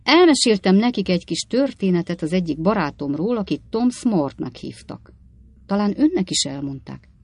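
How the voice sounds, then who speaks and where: A woman's voice: mid-range voice, animated, darkish tone, breathy edge, no room sound. A woman doing a sly one-eyed salesman spinning tales. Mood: knowing.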